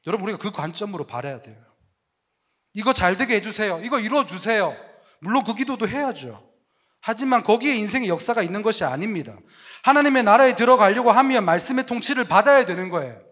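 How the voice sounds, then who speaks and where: Lively male preacher, high voice that swings wide, jokey and full of rhetorical questions, talking to young adults. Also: fast. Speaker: pastor.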